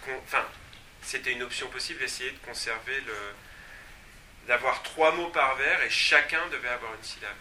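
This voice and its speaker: A man's voice: medium pitch, fairly even intonation, moderate pace, crowd noise. A man moderating a public talk, explaining points about translation as he thinks aloud. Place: room at a public event. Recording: distant mic, noisy room.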